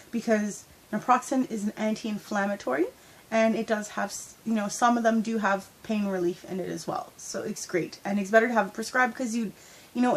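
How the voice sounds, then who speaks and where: A young woman's medium-pitched, slightly rough voice comes through a rough recording from a handheld phone at arm's length. Stuffy with a head cold, she chats candidly from her bed in a casual storytime vlog, using plenty of fillers.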